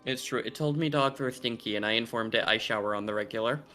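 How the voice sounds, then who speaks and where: A bubbly, playful man chats with friends on a live stream, his voice bright and forward. Soft music plays faintly in the background. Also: medium pitch, quick pace. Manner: bubbly, laughs often, playful. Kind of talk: casual chat on a group stream.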